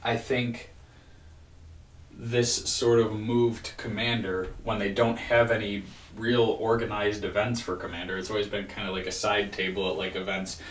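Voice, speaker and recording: A man in his thirties giving a casual, rambling video-diary rant, weary and frustrated, with halting restarts. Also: fairly low pitch, level tone, a bit bright. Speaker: vlogger. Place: small home room with bookshelf, indoors. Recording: roomy echo, distant microphone.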